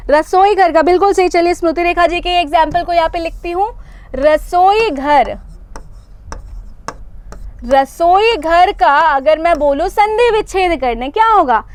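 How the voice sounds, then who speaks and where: A young woman leads a live online exam-prep class in a very high voice. She explains patiently, repeats key points and keeps asking the viewers to confirm. The sound is dry and close. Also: dry recording. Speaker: teacher.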